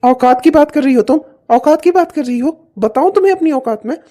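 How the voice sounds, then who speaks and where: A woman's voice: high-pitched, brisk, warm tone. A woman voicing an angry, fed-up young husband in a cartoon, threatening and complaining. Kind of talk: cartoon voice acting.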